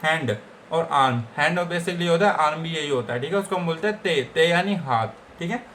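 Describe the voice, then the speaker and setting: A man's voice: a little high, fairly quick, fairly bright tone, slight background noise. A man with an Indian accent teaching Japanese vocabulary in a casual lesson, repeating each word and checking in with his listeners. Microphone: computer setup.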